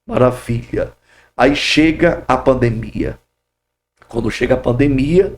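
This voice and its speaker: Gravelly, fervent middle-aged pastor. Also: male voice, mid-range voice, a little mellow. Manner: fervent, bursts of "glória" and "aleluia". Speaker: pastor, podcast guest. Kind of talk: testimony in a podcast interview.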